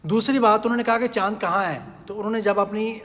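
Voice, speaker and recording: A man's voice: high voice, steady tone, a bit bright, long reverb tail. A man giving a humorous sermon, telling stories and asking his listeners rhetorical questions. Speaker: preacher.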